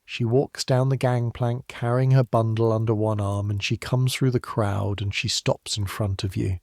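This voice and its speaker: A man narrating a history story for sleep in the second person, measured, unhurried and softly grave. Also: on the low side, fairly even intonation, no echo, clean studio sound.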